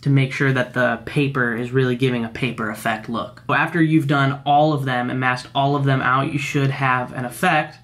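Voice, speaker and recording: A young man casually teaching video editing step by step, explaining each click in a relaxed, slangy way while recording his screen at home. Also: medium pitch, normal speed, few pauses. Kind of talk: screen-recorded software tutorial.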